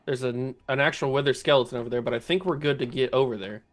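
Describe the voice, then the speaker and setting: A man giving casual commentary while playing a game, thinking aloud, talking to enemies, his voice a little rough and strained. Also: mid-range voice, steady tone, quick pace. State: voice going, clearing throat. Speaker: let's play gamer.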